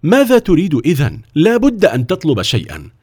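A man's voice: mid-range voice, big pitch swings, fairly quick, a little mellow. A man voicing a wealthy count and father, exclaiming and insistent as he presses his offers.

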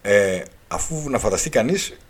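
Male radio host, husky and lowish, animated lecturing delivery. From Greece. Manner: lecturing, spells out letters, repeats key points. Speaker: radio show host and author. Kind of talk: radio talk monologue.

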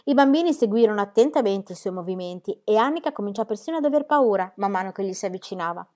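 A woman reading a children's book aloud in a measured, expressive storybook narration. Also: medium pitch.

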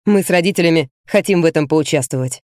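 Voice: mid-range voice, fast, a little mellow, natural voice. An eager, friendly young man, voiced by an audiobook narrator, talking openly and earnestly. The voice sits close and dry, with no echo.

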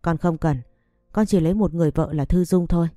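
A woman reading the lines of a calm, firm young male noble in a measured, gentle way. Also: on the low side, dry recording, natural voice. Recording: dry close recording, faint music behind.

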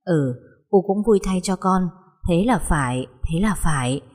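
A woman's voice: fairly low pitch, lively intonation, unhurried, a little mellow. A woman voicing a harsh, scornful old mother-in-law who scolds bluntly, with a long reverb on the voice. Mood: pleased.

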